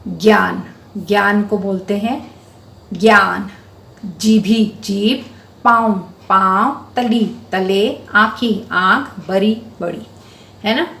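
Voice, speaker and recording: A woman's voice: medium pitch, roomy sound, slight background noise. A woman teacher patiently explaining a school Hindi lesson to children, step by step. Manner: addresses students affectionately as beta.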